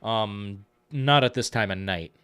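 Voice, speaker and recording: A man hosting a live stream, chatting casually about films in a rambling, profane, excitable way. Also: fairly low pitch, a little slow, smooth.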